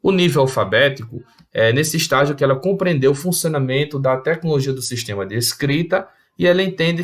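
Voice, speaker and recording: A man, teaching a recorded video lesson in an explanatory way, with restarts and fillers. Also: mid-range voice.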